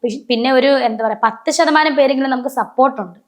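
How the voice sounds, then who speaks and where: This woman's high-pitched voice moves at a quick pace as she tells stories in an emotional personal interview. She brings quoted people to life by acting out their voices, regularly stopping to restart or correct what she said.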